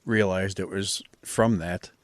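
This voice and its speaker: Deep, flat-voiced male interview host. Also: slow. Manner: brief, agreeing interjections. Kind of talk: casual interview.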